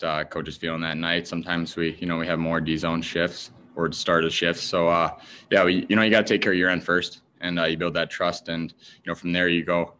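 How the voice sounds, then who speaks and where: Young guy after the game, quick crisp talk, lots of you know, faint hiss behind. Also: low voice, bright, forceful tone. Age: young adult. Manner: plain, filler-heavy answers. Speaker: hockey player. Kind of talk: post-game press conference answers. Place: team media room in front of a backdrop. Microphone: desk mic in front.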